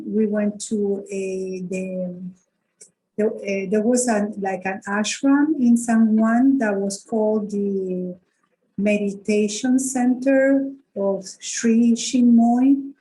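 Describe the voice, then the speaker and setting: A woman from Rico, a guest in a conversation on a video call, speaking thoughtfully and hesitantly with soft laughs. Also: mid-range voice, slow, a little hiss or hum, rough recording. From Puerto Rico. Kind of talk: conversational interview.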